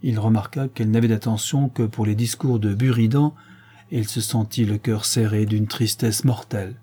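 A man reading a 19th-century novella aloud as an audiobook narrator, with measured, expressive storytelling. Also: lowish voice.

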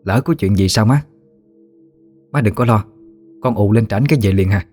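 A man voicing a practical middle-aged village aunt who talks briskly in a Southern Vietnamese accent. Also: fairly low pitch, a little mellow, faint music behind, lightly acted. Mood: earnest. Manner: brisk, matter-of-fact.

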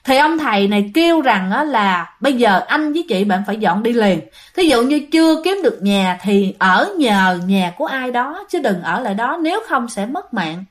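A woman's voice: fairly high pitch, expressive, normal speed, few pauses. A woman with a Southern Vietnamese accent telling a ghost story in a chatty way, speaking straight to her listeners. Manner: chatty, addresses listeners directly.

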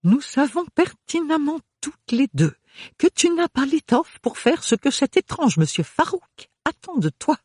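A man reading aloud voices a loud, bossy middle-aged mother who talks over everyone. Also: sing-song, a little slow, dry recording, clean studio sound, heavily acted. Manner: shrill, pushy, domineering.

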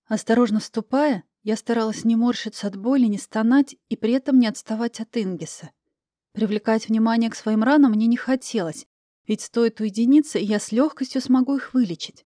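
A woman reading a first-person novel aloud in a measured storytelling manner. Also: fairly high pitch, dark tone, no echo, studio quality. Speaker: audiobook narrator. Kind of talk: first-person audiobook narration.

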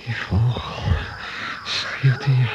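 An actor playing a confused, frightened survivor of a plane crash, alone in the jungle, in a radio play. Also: male voice, mid-range voice, steady tone, very slow, dull audio, slight background noise. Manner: fearful, confused inner monologue.

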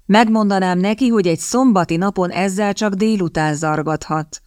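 A woman voicing a grumpy, sardonic young gentleman in an audiobook, slow and grumbling with a mocking edge. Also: on the low side, expressive, dry recording, clean studio sound, natural voice.

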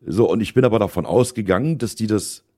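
A man's voice: lowish voice, fast, warm tone. A man co-hosting a podcast, chatting casually about his livestreams, telling rambling anecdotes full of fillers. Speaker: podcast co-host and streamer. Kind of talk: casual chat.

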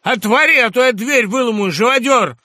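A man voicing a frantic male asylum inmate in an audiobook, shouting in a hoarse, high voice. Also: moderate pace, no echo, studio quality, exaggerated voice. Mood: furious. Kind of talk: audiobook reading.

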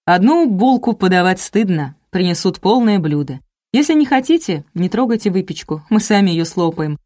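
A woman's voice: lowish voice, expressive, normal speed, mellow. Hearty joking guy in his thirties, read by a woman in an audiobook, easygoing host type. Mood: friendly. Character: friendly man in his thirties, film director, baritone.

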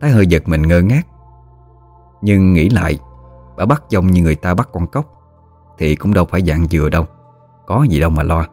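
A man's voice: sits low, animated, brisk, pauses often, darkish tone, faint music behind. A man with a Southern Vietnamese accent narrating a ghost story steadily.

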